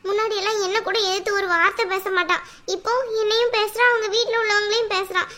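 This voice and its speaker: A woman's voice: very high voice, fairly even intonation, fast, bright, forceful tone. A woman voicing a stern older aunt who scolds her nephew bluntly in a family drama skit. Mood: reproachful.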